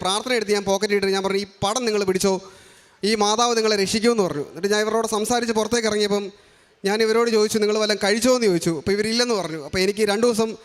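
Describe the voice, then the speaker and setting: A man's voice: high voice, clear, resonant tone. A young man from Kerala giving an earnest personal faith testimony, framing each remark as a quote. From Kerala, India. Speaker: testimony giver at a shrine.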